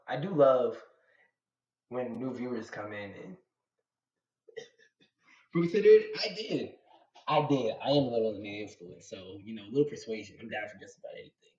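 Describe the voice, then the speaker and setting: A young man from Atlanta talks casually and at length on a live stream, slangy and chatty as he answers his chat. His voice sits at an ordinary middle pitch. It is caught in a roomy space with a slightly muffled, dull sound. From Atlanta, USA. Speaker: live streamer reacting to manga.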